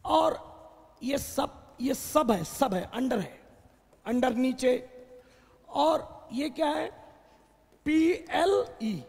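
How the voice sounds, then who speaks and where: Guy teaching a class, high husky gravelly voice, slow, lots of echo. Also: darkish tone. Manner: explains slowly, asks and answers his own questions. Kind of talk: classroom vocabulary lesson.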